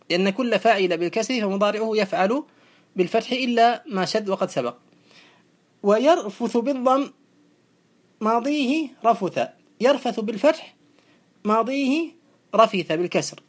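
Woman teacher, classical grammar lesson, methodical and repetitive delivery. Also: fairly high pitch. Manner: methodical, repeating each verb form slowly. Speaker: teacher of Arabic morphology. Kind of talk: explaining a classical grammar text.

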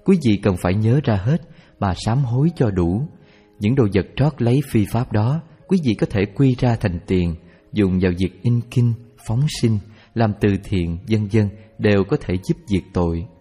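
Mellow-voiced man narrating a story. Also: on the low side, slightly rough. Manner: calm, measured storytelling. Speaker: father telling a personal Buddhist story. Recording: reverberant with background music.

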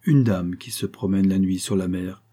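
A man reading the lines of a calm fisherman in an audiobook, answering plainly. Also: low voice, moderate pace, husky.

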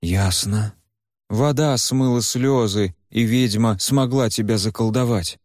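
A man voicing a protective male fire spirit in a measured, steady way. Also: fairly low pitch, dry recording, studio quality. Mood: grave. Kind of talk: audiobook character voice.

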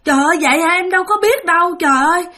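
A woman's voice: very high-pitched, racing, bright, forceful tone, voice pushed up. Woman doing a pleading grieving widow. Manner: tearful pleading.

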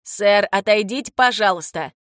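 A woman's voice: mid-range voice, normal speed, fairly bright tone, no room sound, clean studio sound, natural voice. A woman voicing a stern male police officer, barking commands in an audiobook. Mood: commanding. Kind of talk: audiobook character voice.

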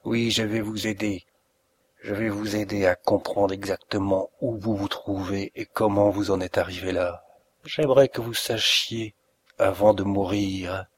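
A man voicing a cruel, mocking middle-aged villain in an audiobook reading, with a gravelly, husky voice and a slow, deliberate delivery. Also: lowish voice, fairly even intonation. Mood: gloating. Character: cruel sneering male planter, middle-aged, gloating.

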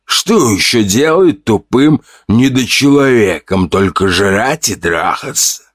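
A man's voice: on the low side, expressive, slow pace, no room sound, studio quality, voice pushed up. A man doing a sneering cruel bandit chief. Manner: mocking, contemptuous. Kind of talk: audiobook character voice.

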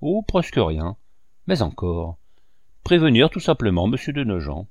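A man reading a defiant young male sculptor, brisk and blunt, with a dry close sound. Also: lowish voice, big pitch swings, dry recording.

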